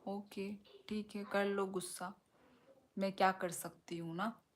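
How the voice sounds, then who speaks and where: Hosting a relaxed live stream, a woman reads viewer comments aloud and responds with slow-paced teasing. Her voice is medium in pitch and her delivery flat.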